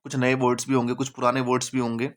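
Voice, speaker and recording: A man's voice: medium pitch, completely flat delivery, fast. A man teaching vocabulary in a casual classroom style, chatty, mixing English terms into Hindi and repeating words for emphasis.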